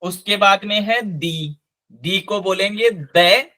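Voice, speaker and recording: A man teaching a live online language class, slowly and patiently spelling out each sound. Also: high voice, pushed and bright.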